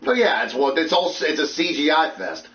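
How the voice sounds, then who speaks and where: A quick-talking man co-hosts a casual podcast, rambling and circling back over his own phrases. His voice is dull and distant, as over a call. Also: a little high, sing-song, crowd noise. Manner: rambling, repetitive false starts, filler-heavy. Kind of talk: casual chat. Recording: muffled, distant call audio.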